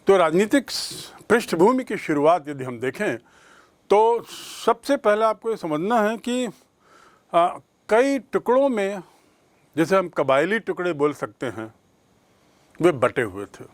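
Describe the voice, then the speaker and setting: A man teaching a history lesson, explaining slowly and repeating key terms for his students. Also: high-pitched, expressive, no room sound. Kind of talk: classroom history lecture.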